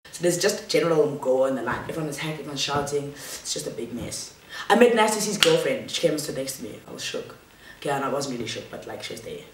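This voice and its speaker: A young adult woman vlogger tells a chatty, slang-filled storytime monologue from a large living room, filmed by a fixed camera across the room. Her loud voice is rumbling low, expressive, and fast, with background noise and roomy echo from the distant mic.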